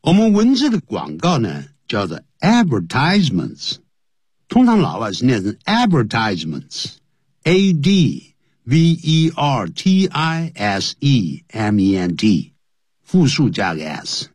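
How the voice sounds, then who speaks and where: A man's voice: mid-range voice, wildly swooping pitch, slow, a little mellow, slightly rough, no room sound. A man teaching English on the radio, explaining phrases in Chinese and spelling words out letter by letter.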